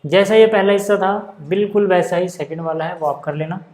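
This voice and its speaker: A man's voice: sits high, a little fast, a little mellow. A man teaching a maths lesson in a casual, chatty way, often checking that his students follow. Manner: chatty, keeps checking in with the class. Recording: roomy echo.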